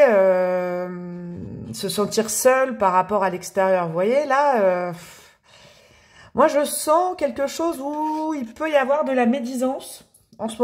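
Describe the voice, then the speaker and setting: A woman giving a casual, chatty tarot reading, often hesitating and repeating her words. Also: fairly high pitch. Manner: chatty, hesitant, repeats words, laughs and hums song lines. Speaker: tarot reader.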